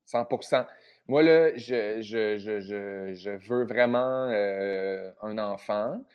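A man's voice: lowish voice, slow, clean tone, highs cut off. A man in his thirties from Saguenay with a Quebec French accent, a guest actor chatting casually over a video call, playful, hesitant when turning serious. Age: 30s. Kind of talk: casual interview chat.

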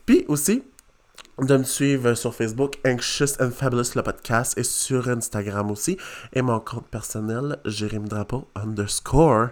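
A man's voice: medium pitch, fairly even intonation, a little slow. Québécois man, young, podcast host, casual and joking, mid-range voice. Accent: Québécois French. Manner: playful, laughing, mixes English phrases. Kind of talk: casual chat.

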